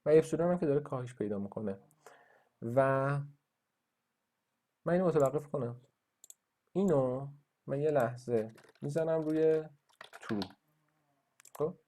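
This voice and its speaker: A man's voice: medium pitch, warm tone. A man lecturing in a screen-recorded coding tutorial, thinking aloud with fillers and restarts as he walks through his code. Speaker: university lecturer.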